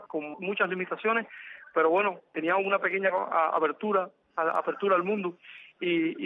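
A man's voice: sits high, narrow, tinny audio. A man from Cuba, speaking as a guest in a casual chat, hesitant and restarting often. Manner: hesitant, with many fillers and restarts.

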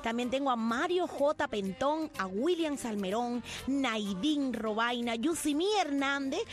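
A woman's voice: high-pitched, lively intonation, unhurried, faint music behind. A woman with a Cuban accent hosting an informal call-in show, talking in a colloquial, exclamatory way. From Cuba. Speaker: talk show host.

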